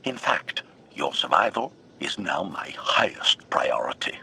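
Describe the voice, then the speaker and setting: A robotic assassin android. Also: male voice, extremely low pitch, big pitch swings, measured pace, creaky, slight background noise, full character voice. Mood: formal. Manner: clipped, announces each reply with a one-word label. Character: male assassin droid, formal, coldly loyal, scornful of humans. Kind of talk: video game dialogue. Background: loud game music.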